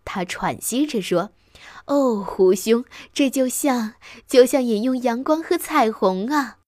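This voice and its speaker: A woman's voice: fairly high pitch, takes it slowly, darkish tone, dry recording, studio quality. A woman voicing a hearty, enthusiastic adult badger who exclaims with delight. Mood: blissful.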